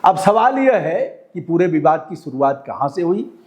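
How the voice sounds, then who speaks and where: A man's voice: a little high, sing-song, measured pace, darkish tone. A male news commentator reading a report and breaking off to scold the police directly in an indignant tone.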